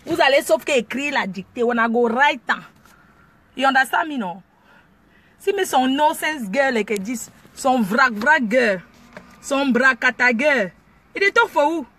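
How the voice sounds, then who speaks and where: A woman records herself from the driver's seat at a drive-through, chattering boisterously in French blended with pidgin English. Her high voice is fairly bright, with lively intonation and an unhurried delivery. Car and engine noise make the ambience noisy.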